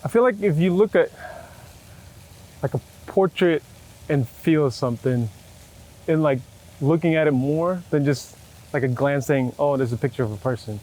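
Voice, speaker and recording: Recorded roughly outdoors amid city traffic and vehicle sounds, a middle-aged photographer gives casual, reflective interview answers. His voice is a little high and mellow. He speaks in a halting way, with many fillers, frequently rewording what he means.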